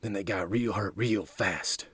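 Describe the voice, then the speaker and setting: A man voicing a wary thug who tells a grim rumor in a hushed, foreboding way. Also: fairly low pitch, measured pace, husky, dry recording, studio quality, exaggerated voice. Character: wary male thug, ominous storyteller.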